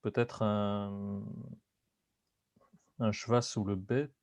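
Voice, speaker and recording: A man's voice: on the low side, little pitch movement, drawn-out words, darkish tone, no echo. A man answering in a language class, tentative and unsure of himself. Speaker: student.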